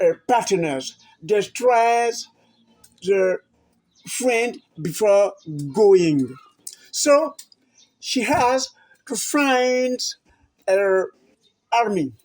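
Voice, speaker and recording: A woman, a native French speaker, hosting a health channel and talking to viewers in a halting way, often repeating and restarting words. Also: mid-range voice, darkish tone. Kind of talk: informal talk to camera.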